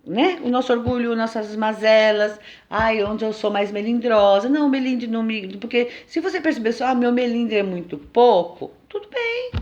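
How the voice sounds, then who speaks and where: A woman's voice: on the high side, moderate pace, few pauses, dull audio. Chatty Brazilian woman teaching. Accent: Brazilian Portuguese. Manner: conversational, lively, often asks "né?". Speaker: teacher at a spiritual temple. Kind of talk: informal spiritual lesson.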